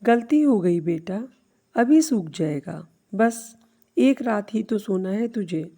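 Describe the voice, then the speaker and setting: A woman voicing an aging mother who speaks calmly and gently in a storybook tale. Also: mid-range voice, slow pace. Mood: gentle. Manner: calm and gentle. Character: aging mother, patient, loving, stern.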